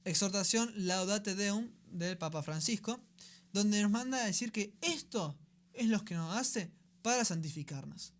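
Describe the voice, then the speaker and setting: A man's voice: sits high, animated, a little slow. Emphatic Rioplatense man teaching on air. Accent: Rioplatense Spanish. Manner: keeps checking in with the listener, conversational and emphatic. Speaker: radio program host. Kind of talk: catechetical teaching talk.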